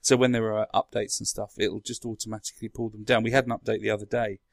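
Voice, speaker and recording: A man's voice: on the low side, little pitch movement, fast, creaky, no room sound, clean studio sound. A man in a casual tech chat, explaining things in a rambling way as a podcast speaker. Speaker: podcast guest or co-host explaining a console.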